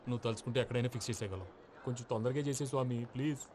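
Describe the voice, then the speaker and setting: An actor playing an earnest male ventriloquist who talks quickly and pleadingly in a comic film. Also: mid-range voice, darkish tone, faint music behind, natural voice.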